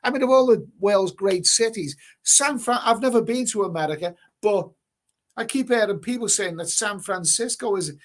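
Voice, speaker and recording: A high-pitched man speaking at a normal pace hosts a casual live stream through a webcam mic. He reads chat comments aloud and rambles, repeating words a lot and swearing casually.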